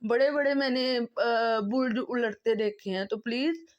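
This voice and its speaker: A woman's voice: a little high, a little slow, muffled recording. A woman vlogger from Pakistan speaking an impassioned, pleading monologue, emotional and close to tears, driving her points home by repeating them. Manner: impassioned, pleading, repetitive emphasis.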